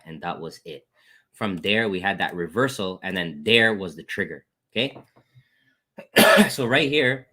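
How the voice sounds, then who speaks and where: A man casually walking viewers through his trades on a screen share, talking to them as "guys" and calling out wins. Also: sharp tone. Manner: casual, repeats "guys" and "boom", thanks chat members. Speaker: trading educator.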